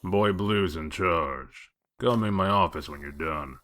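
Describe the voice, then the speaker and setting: Guy doing gruff low wolf detective for a comic dub, bossy n sardonic, curt delivery. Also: unhurried, fairly bright tone. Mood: gruff, commanding. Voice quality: deep voice. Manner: curt, commanding.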